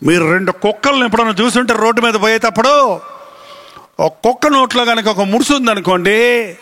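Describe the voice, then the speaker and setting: A man preaching a sermon as pastor, animated and acting out little scenes. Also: sits high, fairly quick. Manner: animated preaching, acts out voices of family members.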